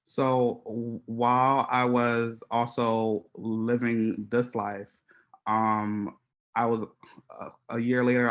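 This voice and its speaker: A man from Haiti gives an artist talk to an audience, walking through his photographs. His voice sits low and stays fairly level in pitch. He speaks haltingly and reflectively, with frequent ums and restarts. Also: creaky, a bit bright. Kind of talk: presenting slides to an audience.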